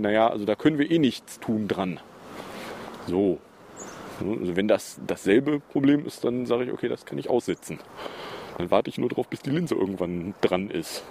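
A man's voice: on the low side, a little mellow, a little hiss or hum. A man hosting a casual personal podcast, talking in a chatty, rambling way with many fillers and self-corrections. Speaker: podcast host.

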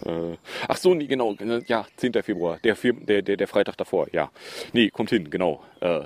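Low guy on a podcast, ironic and rambly, voice jumps around a lot. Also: animated, moderate pace, dry recording. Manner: sarcastic, many fillers and asides. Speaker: podcast host. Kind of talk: casual news review chat.

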